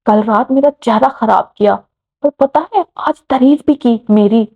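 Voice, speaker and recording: A woman's voice: a little high, unhurried. Woman voicing a flustered bold young woman. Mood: exasperated. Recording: muffled lo-fi recording.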